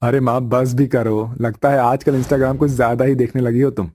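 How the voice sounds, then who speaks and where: Man doing a brash, loud young husband. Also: mid-range voice, little pitch movement, moderate pace, a little hiss or hum, close to an everyday voice. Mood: cheerful. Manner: loud, calling out.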